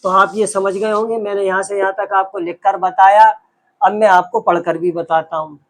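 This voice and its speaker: A man's voice: sits high, flat delivery, normal speed. A man teaching a patient lesson, sounding out letters one by one and explaining with rhetorical questions. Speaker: Urdu teacher. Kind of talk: slow, patient classroom lesson.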